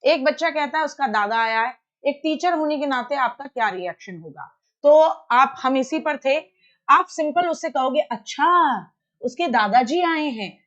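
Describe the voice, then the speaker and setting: A woman's voice: sits high, moderate pace, lo-fi sound. A woman teacher giving an exam-prep lecture, acting out short everyday dialogues as she explains. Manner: animated, acts out little dialogues.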